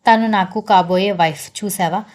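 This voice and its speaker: A woman's voice: mid-range voice, normal speed, a little mellow, close to an everyday voice. A woman voicing a possessive, bossy young man who gives blunt orders in a read-aloud story. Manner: commanding, blunt.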